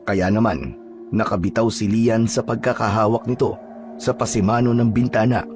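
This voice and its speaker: A man narrating a scripted horror story in a measured, dramatic way. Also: medium pitch, a little mellow.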